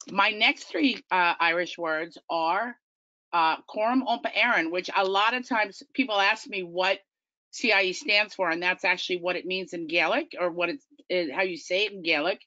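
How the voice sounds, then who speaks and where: A middle-aged woman with a Long Island accent presents a tour company's slideshow as its business development manager. Her mid-range voice has a sharp tone, and the audio sounds dull. She comes across as chatty, enthusiastic and self-deprecating.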